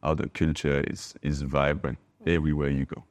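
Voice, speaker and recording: A native French speaker from a small village in Bordeaux, France, talks reflectively and emphatically as a podcast guest; he owns a wine bar. He has a French accent and a bass voice with little pitch movement, speaking at normal speed.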